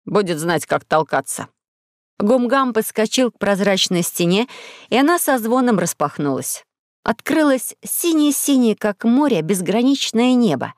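A woman reading a children's audiobook as the narrator, telling the story clearly and evenly in a studio. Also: fairly high pitch, big pitch swings, moderate pace, no echo. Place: recording studio.

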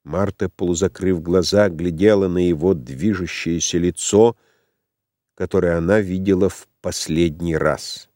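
A man narrating a literary novel as an audiobook in a measured, unhurried manner. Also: deep voice, steady tone, darkish tone, no echo. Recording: dry close studio sound.

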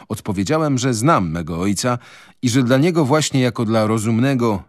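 A man narrating a novel in the first person in a measured, literary radio reading. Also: lowish voice, dry recording, clean studio sound.

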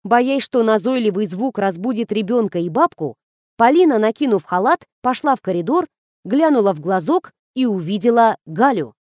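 A woman reading an audiobook in steady, scripted narration. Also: a little high, normal speed, no echo, studio quality.

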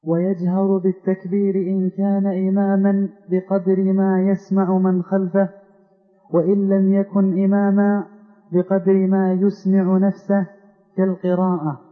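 A man reading a religious text aloud for the lesson in an even, recited delivery. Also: sits high, moderate pace, soft background music. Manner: flat recitation. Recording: tinny phone-like hall recording with long reverb.

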